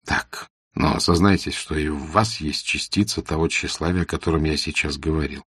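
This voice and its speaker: Guy doing a curious young fella, earnest, low husky voice, dry sound. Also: normal speed, a bit bright, no room sound, heavily acted. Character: young man, friendly, inquisitive, a bit vain. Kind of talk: audiobook character reading.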